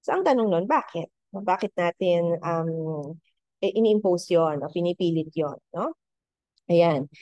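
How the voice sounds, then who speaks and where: A woman's voice: lowish voice, animated, a little slow, warm tone, no room sound, dull audio. Woman, Filipino accent, university lecture, code-switching, tag questions, dry sound.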